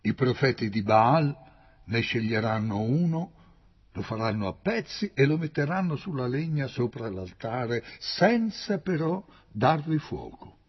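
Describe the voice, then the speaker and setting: A man voicing a stern, commanding old male prophet in a read-aloud Bible story, declaiming with loud emphatic peaks. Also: medium pitch, sing-song, measured pace, slightly rough. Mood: proclaiming. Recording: dull lo-fi recording.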